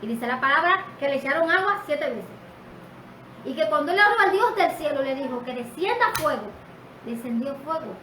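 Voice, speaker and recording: Calm high-voiced woman teaching. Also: normal speed. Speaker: co-host. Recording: distant, echoey mic with faint noise.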